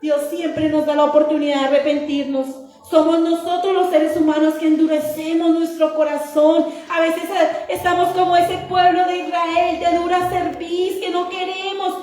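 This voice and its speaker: A woman preaches in a very high, flat-toned voice, her words ringing around a hugely reverberant church. She repeats phrases in an earnest, sing-song preaching rhythm. Soft music plays faintly underneath. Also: normal speed, few pauses. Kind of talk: sermon.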